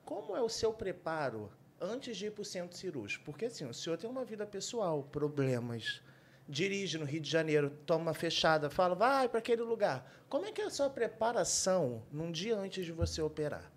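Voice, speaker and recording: A man asks questions with a playful edge during a casual podcast talk. His fairly high voice swoops up and down in a lively way. Light ambient hiss runs underneath. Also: brisk. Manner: animated, joking questions.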